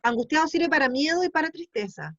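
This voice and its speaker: A woman's voice: sits high, animated, a little fast, a bit bright, no echo, lo-fi sound. A woman teaching a class, explaining patiently and checking in often with questions. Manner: explanatory, asks ¿sí? to check understanding.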